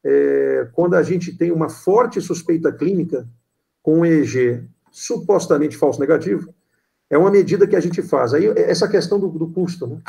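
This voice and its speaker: A Brazilian man moderating an online lecture, halting as he reads out audience questions. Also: on the high side, vocal fry, mellow. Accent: Brazilian Portuguese.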